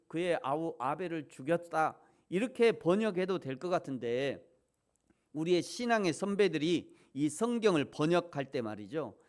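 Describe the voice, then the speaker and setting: A middle-aged man preaching a sermon as pastor, shifting between hushed asides and loud emphatic peaks, and acting out quoted voices as he tells stories. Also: on the high side. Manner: acts out quoted voices in a playful storytelling way.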